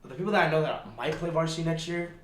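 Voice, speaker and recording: A man's voice: on the high side, very fast, far from the mic. A teenage boy co-hosting a casual podcast, rambling with lots of fillers and saying "bro" often. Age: teens. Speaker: podcast co-host. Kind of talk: casual chat. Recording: roomy echo, off-mic.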